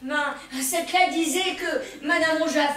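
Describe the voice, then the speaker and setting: Actress playing a high-voiced, gossipy switchboard girl on stage, echoey hall, distant mic. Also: unhurried. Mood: chatty. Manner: gossipy, exclaiming, animated. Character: chatty cheerful young woman switchboard operator. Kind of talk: amateur stage comedy. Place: theatre stage. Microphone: distant room mic.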